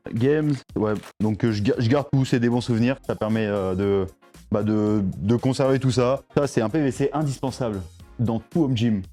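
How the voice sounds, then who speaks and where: A man's voice: medium pitch, warm tone. A young man, chatting casually through a tour of his home garage gym, full of fillers and restarts. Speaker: CrossFit athlete showing his home gym.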